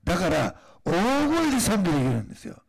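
A man delivers a sermon with a high, husky, gravelly voice. His pitch swings widely as he moves from halting, filler-filled asides to fervent, emphatic declarations. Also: huge pitch swings. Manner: conversational preaching with frequent fillers, rising to emphatic declarations. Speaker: pastor.

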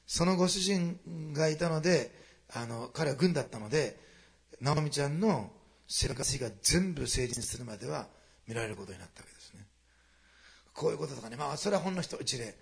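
A man preaching a sermon to a congregation, moving quickly between quiet storytelling and loud, animated passages. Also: on the high side, vocal fry. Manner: fast, animated preaching that swings from hushed asides to loud climaxes. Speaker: pastor.

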